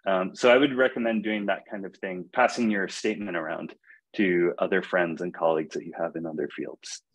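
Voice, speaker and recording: A young man giving casual advice on a video call webinar, relaxed, with many fillers and restarts. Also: low-pitched, a little fast, low-quality recording. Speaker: fellowship alumnus speaker.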